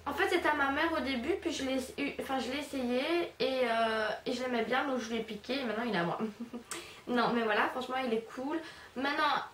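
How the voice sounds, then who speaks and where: A woman's voice: high voice, a little fast, a bit bright, slight background noise. A young woman chatting casually in a beauty review vlog, rambling with many fillers and poking fun at herself. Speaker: beauty vlogger. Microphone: camera's built-in mic. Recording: echoey room, voice a bit far from camera.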